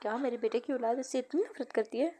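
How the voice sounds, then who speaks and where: Casting: woman narrator doing a bitter, sharp-tongued grandmother in an audiobook, lightly acted, high pitch. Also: fairly even intonation, fast talker, lightly acted. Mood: scornful.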